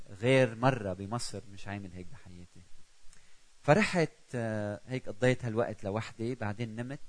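A man's voice: on the low side, poor audio. Lebanese man preaching with swelling intensity. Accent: Lebanese Arabic. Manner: swings between loud cries and hushed prayerful quotes. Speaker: pastor. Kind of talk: sermon.

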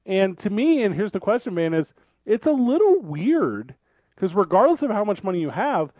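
A man with a fairly high voice and a close, dry studio sound hosts sports talk. He speaks casually and conversationally, circling back to rephrase his points as he goes. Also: sing-song, normal speed, a little mellow, no room sound. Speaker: sports radio host.

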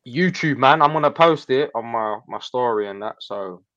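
A man's voice: medium pitch, lively intonation, moderate pace, a bit bright, dry recording, muffled recording. A man with an urban London accent talking like a roadman in casual, slangy livestream chat. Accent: London, urban street. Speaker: guest on a football fan livestream.

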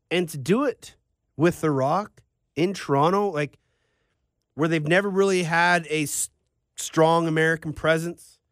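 A man's voice: on the high side, no room sound, clean studio sound. A man hosting a sports podcast, talking in a casual, rambling, conversational way.

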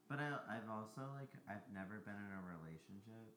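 A man's voice: on the low side, lively intonation, fairly quick, fairly bright tone, a little hiss or hum. A man in his twenties from New Jersey, chatting casually as a guest, rambling with lots of filler words and restarts. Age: 20s. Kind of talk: casual chat.

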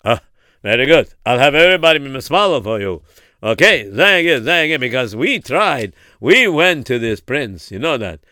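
A man's voice: mid-range voice, sing-song, normal speed, bright, forceful tone, no echo, clean studio sound. A man playing a flustered, worried community man. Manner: flustered, stammering.

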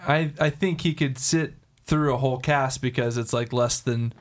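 A man's voice: medium pitch, moderate pace. A man co-hosting a comedy podcast in casual, incredulous banter with some swearing. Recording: loud noise behind the voice.

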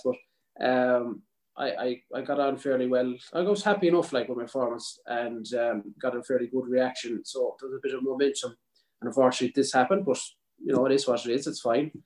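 A man's voice: mid-range voice, a little mellow, poor audio. A man with a South Mayo accent from the west of Ireland, chatting casually and easily as an interview guest on a video call. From County Mayo, Ireland. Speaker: podcast guest, country singer.

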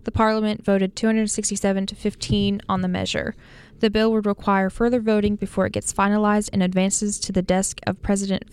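Woman reading the news in a flat, steady voice. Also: medium pitch, smooth. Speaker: news anchor. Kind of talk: student radio newscast.

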